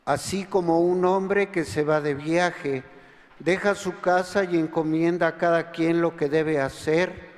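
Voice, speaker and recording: A man, a priest, reading the Gospel at Mass in a slow, measured liturgical way, with a cathedral echo behind his voice. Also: on the high side, fairly even intonation. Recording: long reverb of a large church.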